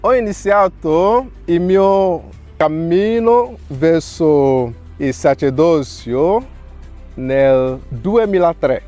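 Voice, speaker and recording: Slow, earnest priest from Nigeria. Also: male voice, on the high side, expressive, a little mellow, faint music behind. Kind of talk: reading a prepared testimony.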